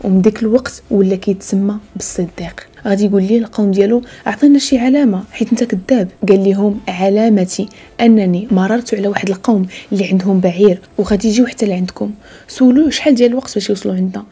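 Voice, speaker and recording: Fast, breathy Moroccan woman storyteller. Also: mid-range voice, steady tone. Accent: Moroccan Arabic. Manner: soft storytelling, often slipping into a hushed whisper. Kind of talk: religious storytelling.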